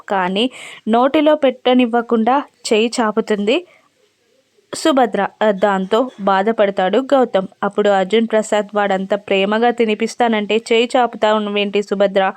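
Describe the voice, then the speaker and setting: Woman, serial recap narration, steady storytelling, fairly high voice, dry close sound. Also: no room sound.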